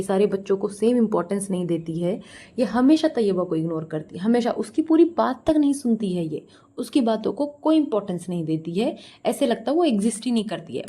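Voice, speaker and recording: Brief: mellow-voiced woman, scolding reaction vlogger, asks viewers directly. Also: mid-range voice. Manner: scornful, scolding. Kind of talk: mocking reaction commentary.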